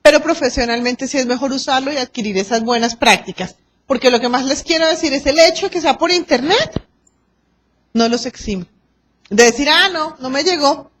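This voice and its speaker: A Colombian woman lecturing a class on arbitration, lively and acting out quoted exchanges and anecdotes. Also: high-pitched, normal speed, a little hiss or hum.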